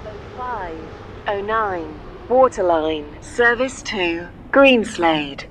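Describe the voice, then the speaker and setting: A woman's voice: medium pitch, animated, extremely slow, noisy background. A woman's recorded station announcement voice, built from spliced-together words with jumpy volume between them.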